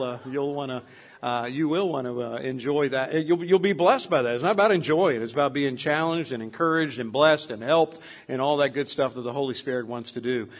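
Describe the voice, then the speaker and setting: An older man preaching as a pastor, telling stories in a rambling, conversational way. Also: medium pitch. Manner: rambling, with many fillers and restarts; storytelling, conversational. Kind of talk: sermon.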